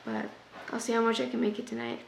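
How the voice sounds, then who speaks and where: A young woman chatting casually in a reading vlog, sick and losing her voice, often dropping to a soft half-whisper. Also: fairly high pitch, very animated, fast talker, vocal fry, roomy sound, noisy background. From US West Coast. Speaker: book vlogger. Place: at home.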